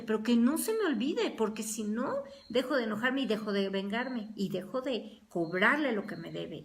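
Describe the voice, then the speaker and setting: A woman church teacher leading a Bible study, speaking earnestly and acting out everyday quarrels in quoted voices. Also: a little high.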